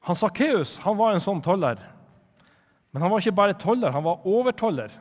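A man from Northern Norway telling a Bible story to children in church, lively and chatty, asking his listeners questions. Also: sits high, in a large hall.

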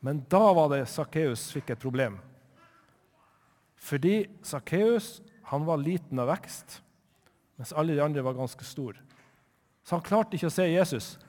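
A man from Northern Norway telling a Bible story to children in church, lively and chatty, asking his listeners questions. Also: fairly high pitch, long reverb tail.

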